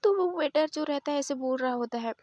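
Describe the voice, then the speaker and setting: A woman's voice: high voice, a little fast, a little mellow, dry recording. A woman retelling a love story in a chatty, casual way, full of repeated fillers.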